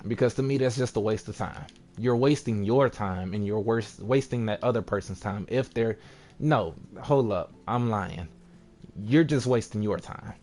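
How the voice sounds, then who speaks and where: A man's voice: mid-range voice, a little mellow. A young man vlogging in a casual, rambling rant, slipping into sarcastic mock voices as he talks.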